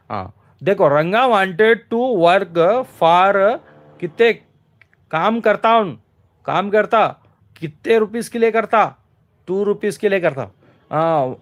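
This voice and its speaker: A man walking through exam questions as a teacher, asking a question and answering it himself, with many fillers. He slows right down to read English lines word by word and keeps urging viewers to comment quickly. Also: high-pitched.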